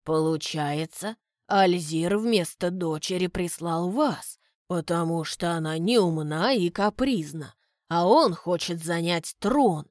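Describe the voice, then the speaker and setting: Woman playing a measured, courteous butler, slow and polite, a dry close read. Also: on the low side, darkish tone, no room sound. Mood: calm, reasoning. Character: courteous, shrewd male butler, middle-aged.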